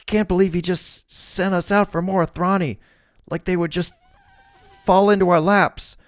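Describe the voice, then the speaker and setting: A man voicing a high-pitched, whiny male thug who complains and stammers in a spoken fantasy novel. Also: fairly even intonation, normal speed, no echo, lightly acted. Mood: complaining.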